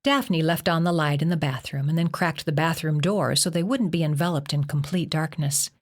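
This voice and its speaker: A woman with a low voice narrates a novel as an audiobook, reading steadily and evenly. Her delivery is plain and measured. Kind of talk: scripted narration.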